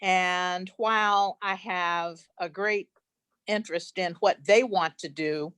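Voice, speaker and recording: A woman speaking in a measured, self-deprecating way on a video call. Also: lowish voice, fairly even intonation, fairly bright tone, clean tone, dry recording. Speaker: foundation representative. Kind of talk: online meeting remarks.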